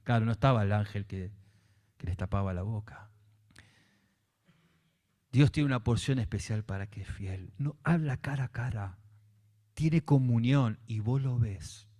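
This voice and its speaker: A man's voice: on the low side, unhurried, pauses often, dark tone. A man with a Rioplatense Spanish accent, preaching a Sunday sermon and animatedly acting out the biblical dialogue. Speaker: pastor.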